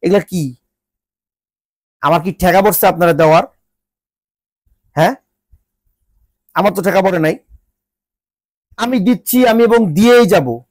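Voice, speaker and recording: Unhurried and pausing often, a Bangladeshi male vlogger speaks in a high, darkish voice thickened by a cold. He's exasperated, scolding his viewers through repeated rhetorical questions. The recording is dry.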